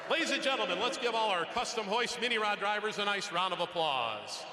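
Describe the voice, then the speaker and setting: Guy doing tractor pull announcer, big showy intros, really up and down pitch, echoey noisy arena pa. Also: lively intonation, a little fast, crowd noise. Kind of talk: live arena announcing of a competitor lineup. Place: large indoor arena.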